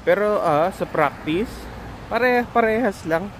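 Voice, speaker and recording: A man's voice: sits high, lively intonation, takes it slowly, slight background noise. Filipino man chatting casually to viewers. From Philippines. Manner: rambling, searches for words aloud. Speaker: vlogger and registered nurse.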